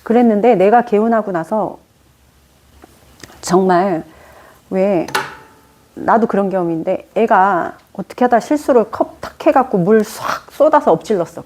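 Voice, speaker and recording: Mellow-voiced woman teaching a class. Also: medium pitch, moderate pace, pauses often. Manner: lively storytelling with acted-out quotes; chatty, poses questions to the class. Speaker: teacher of Korean fortune-telling. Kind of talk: informal classroom lecture. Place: lecture room.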